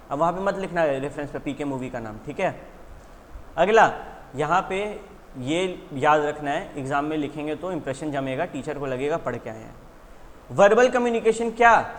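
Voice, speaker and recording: A man's voice: sits high, long reverb tail, slight background noise. A man teaching an exam revision lesson in a conversational way, asking his students questions and then answering them himself. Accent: Indian English words.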